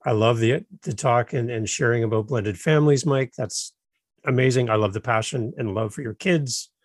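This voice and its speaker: A man's voice: mid-range voice, normal speed, dry recording, studio quality. A man hosting a podcast interview, affirming and encouraging his guest. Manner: affirming, brief backchannels. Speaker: podcast host.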